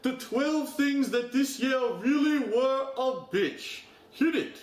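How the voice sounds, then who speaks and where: Jolly old Santa played by a man for a holiday skit: very high pitch, echoey sound. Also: slow. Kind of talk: holiday video skit introduction. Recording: echoey, music and jingle bells behind.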